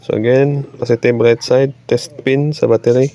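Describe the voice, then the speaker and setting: A man from the Philippines talks through a repair while doing it, haltingly mixing English technical terms into his Tagalog. He speaks at a medium pitch with a level, dark tone. The recording is dull and lo-fi, with faint background noise.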